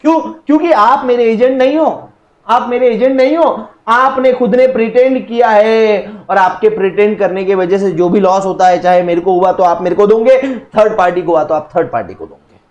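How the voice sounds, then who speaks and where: A young man with an Indian accent teaching a recorded law lecture in a lively, jokey way, acting out little dialogues between people. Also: high-pitched, moderate pace, reverberant, highs cut off.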